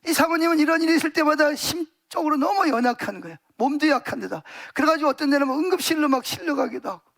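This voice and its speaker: A male pastor preaches in a church. His voice sits very high for a man. He tells stories vividly and packs his sentences with emphatic fillers. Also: fast talker, vocal fry, fairly bright tone. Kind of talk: sermon.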